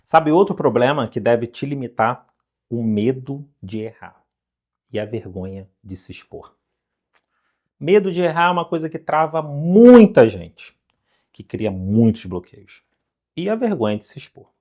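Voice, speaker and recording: Animated Brazilian English teacher. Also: male voice, mid-range voice, measured pace. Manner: animated, coaxing, rhetorical questions. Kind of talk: online lesson to camera.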